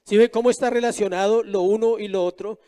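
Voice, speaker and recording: A man's voice: high-pitched, steady tone, quick pace, dark tone. A middle-aged male pastor preaching a sermon, often asking the congregation questions.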